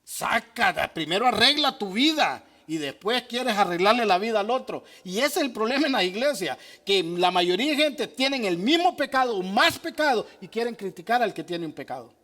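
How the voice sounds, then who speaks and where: A man's voice: high-pitched, sing-song, moderate pace, hardly any pauses, sharp tone. A man preaching as pastor, answering questions from the congregation in an emphatic way that asks and answers his own questions. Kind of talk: sermon with audience questions.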